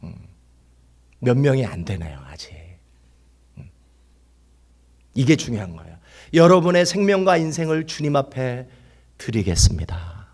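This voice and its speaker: A male pastor preaching a fervent sermon, swinging from loud exclaiming to hushed whispers and having the congregation repeat lines after him. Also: mid-range voice, sing-song, moderate pace, long pauses.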